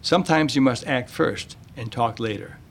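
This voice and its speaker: Gravelly-voiced male radio host. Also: mid-range voice, normal speed. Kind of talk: scripted radio monologue and interview.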